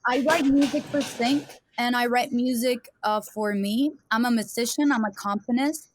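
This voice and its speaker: A Danish musician with a Danish accent chats casually as a podcast guest, rambling with lots of fillers and restarts. Her voice sits on the high side, with a steady tone at normal speed.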